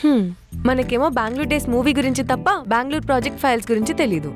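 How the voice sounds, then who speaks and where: An actress playing a teasing, quick-tongued colleague and friend. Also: female voice, sits high, over music, natural voice. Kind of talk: web series acting.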